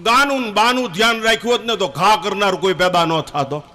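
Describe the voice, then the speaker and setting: An older man preaching a fiery sermon, emphatic and at times shouting. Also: sits high, a little fast.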